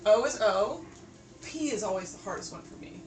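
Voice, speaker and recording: A woman's voice: medium pitch, animated. Woman game master in a roomy space. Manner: chatty, laughing, slows down for eerie description. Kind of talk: narrating a live tabletop game. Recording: roomy, distant mic with clear background noise.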